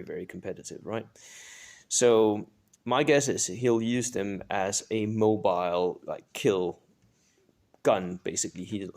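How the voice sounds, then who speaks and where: A man's voice: fairly low pitch, darkish tone. A man hosting a tabletop wargame tutorial, reviewing an army list in a chatty, casual way, often tagging "right?" onto his points. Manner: chatty, filler-heavy, often asks "right?".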